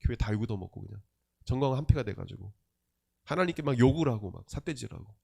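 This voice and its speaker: A male pastor preaching a sermon, emphatic, with rhetorical questions and swings between loud and soft. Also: medium pitch, animated, fast talker, gravelly, breathy edge.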